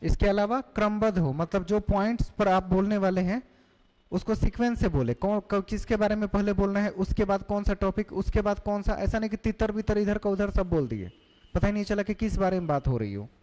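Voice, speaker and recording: A man's voice: high voice, brisk, dark tone. Man lecturing a class in a reverberant hall. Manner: explanatory, asks the class questions, mixes in English terms. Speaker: teacher.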